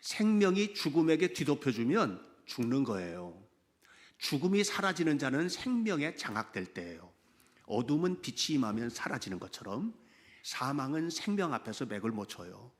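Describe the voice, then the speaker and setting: A man preaching a Sunday sermon as pastor, animated and conversational, often asking the congregation direct questions. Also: mid-range voice, normal speed.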